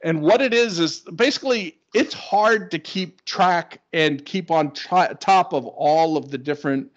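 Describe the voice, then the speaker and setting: A man's voice: fairly high pitch, a little slow. A man presenting a screen-share tech webinar, explaining in an enthusiastic, conversational way. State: hiccups. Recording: dull lo-fi webinar audio.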